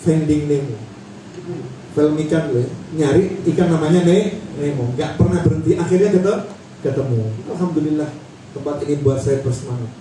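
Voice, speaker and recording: A man preaching a Ramadan sermon with animated swings between loud exhortation and low drawn-out words, repeating phrases in rhythmic runs. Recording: echoey, from far off, faint noise.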